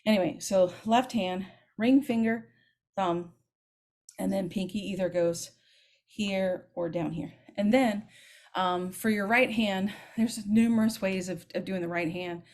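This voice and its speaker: A woman's voice: mid-range voice, unhurried. Chatty woman band teacher explaining technique. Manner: lively, chatty, demonstrates as she talks. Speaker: middle school band director.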